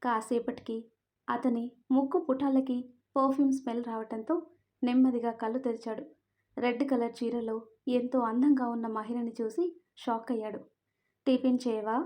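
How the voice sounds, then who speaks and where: Mellow woman storyteller. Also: fairly high pitch, flat delivery, normal speed, long pauses. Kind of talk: scripted story narration.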